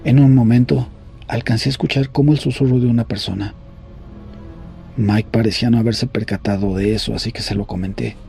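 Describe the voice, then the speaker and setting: A man reading horror stories aloud in a grave, measured storytelling voice. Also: medium pitch, fairly even intonation, vocal fry, warm tone, faint music behind. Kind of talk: scripted horror story narration.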